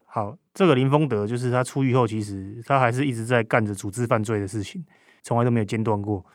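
A man's voice: mid-range voice, quick pace, dry recording, studio quality. A man with a Taiwanese Mandarin accent recounts a case conversationally as a reporter, speaking through a face mask. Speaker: crime reporter as podcast guest.

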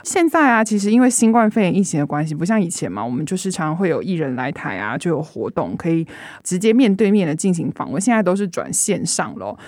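Woman host, Taiwanese Mandarin accent, slightly low voice, quick conversational questions, dry sound. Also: sing-song, darkish tone, dry recording. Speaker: podcast host, interviewer. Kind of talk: conversational interviewing.

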